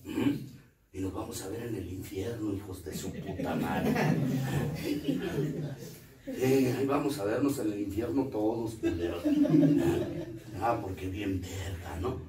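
A man's voice: on the low side, very animated, slow pace, pauses often, crowd noise. A middle-aged man with a Mexican accent, giving a coarse, profanity-laden confessional testimony at a recovery group meeting. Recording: roomy, distant mic, faint noise.

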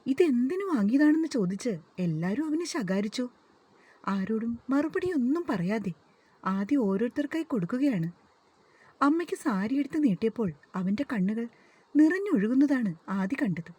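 A woman narrating a family story, gently voicing the relatives' lines now and then. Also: a little high, very animated, moderate pace, slightly rough. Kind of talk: scripted story narration with dialogue.

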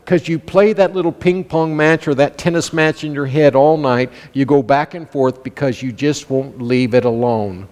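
A man preaching a sermon as pastor, animated, acting out the inner voices of his listeners. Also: a little high, moderate pace, hardly any pauses. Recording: long hall reverb.

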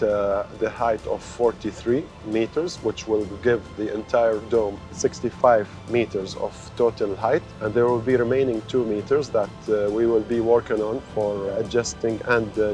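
A man speaking as a site engineer in an on-site interview, halting with many pauses, outdoors on a construction site. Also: lowish voice, a little mellow. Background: music bed.

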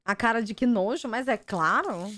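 A woman's voice: fairly high pitch, normal speed, dry recording. A young woman streamer with a Brazilian Portuguese accent, chatting casually while opening cards and gushing over the art. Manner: gushing, easily excited exclamations. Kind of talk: casual card-opening chat.

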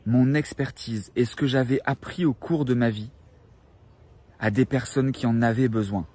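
A man in his thirties sells a course in a salesy pitch padded with fillers. His voice is a bit husky, recorded on a phone held at arm's length out in a leafy park. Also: fairly even intonation, moderate pace, mellow. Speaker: online coach in an ad. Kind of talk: selling pitch to camera. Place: outdoors in a park.

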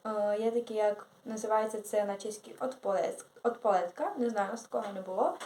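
A woman's voice: mid-range voice, fairly quick, warm tone, a little hiss or hum. Rambling teen girl vlogger in an echoey room. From Ukraine. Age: teenager. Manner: rambling, with self-corrections and hesitations. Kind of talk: casual vlog chat.

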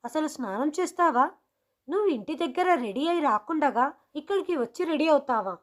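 Stern schoolteacher, scolding and sharp, high and raised voice, a woman putting her on for a storybook telling. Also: expressive, moderate pace. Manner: harsh, scolding questions.

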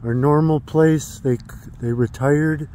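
Man, thirties, enthusiastic vlogger, outdoor phone selfie recording, dark mellow tone. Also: a little high, fairly even intonation, takes it slowly, slight background noise. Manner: enthusiastic, chatty, exclaims often. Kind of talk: casual vlog narration. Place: outdoors at a Christmas tree farm. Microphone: phone held at arm's length.

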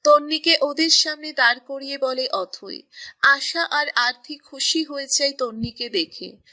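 This woman's romance narration is unhurried and evenly told, delivered in a bright, high voice. The reading comes off crisp and prepared from a script.

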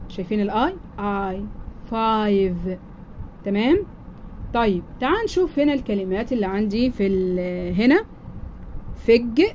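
A woman with an Egyptian Arabic accent teaches English to young children, saying each word twice and explaining it in plain, simple steps. Her voice sits a little high and has a soft, mellow tone. A faint hum of background noise runs under the recording. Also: rough recording.

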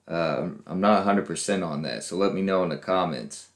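A man hosting a reaction video, guessing aloud with lots of laughs and unsure pauses. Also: deep voice, echoey room. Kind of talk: casual reaction commentary.

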